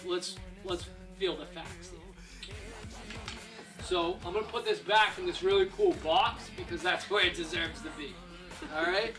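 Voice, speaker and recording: A man's voice: high voice, steady tone, a little slow. A young man in a casual product review vlog, upbeat and often asking "right?", filmed indoors in a living room by a camera across the room. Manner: upbeat, keeps adding "right?". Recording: distant mic with music under the voice.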